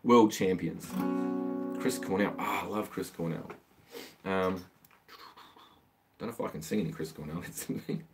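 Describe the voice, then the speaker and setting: A guitar teacher with a low-pitched voice chats casually on a home live stream, working through viewer song requests in a rambling, easygoing way. He talks at a moderate pace and pauses often between songs. A water pump runs in the background.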